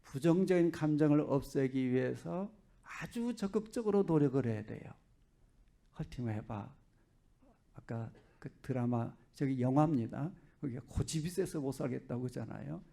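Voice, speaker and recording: A man's voice: mid-range voice, lively intonation, normal speed, creaky, warm tone. A male pastor giving a Sunday sermon in a chatty, joking way, often asking the congregation rhetorical questions.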